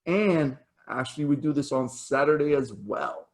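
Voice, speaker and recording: A man's voice: medium pitch, lively intonation, normal speed. A man hosting a casual online meetup over a video call. He talks in a chatty, rambling way, full of fillers and restarts. His voice is wearing thin from talking all day. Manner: chatty, with fillers and self-corrections. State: losing his voice. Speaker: meetup host.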